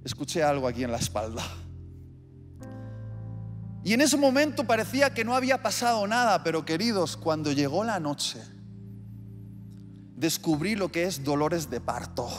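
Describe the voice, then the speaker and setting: Preacher in a reverberant hall. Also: male voice, a little high, big pitch swings, normal speed, long pauses. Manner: vivid storytelling with acted-out scenes. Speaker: pastor. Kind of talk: sermon. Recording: long hall reverb with soft music.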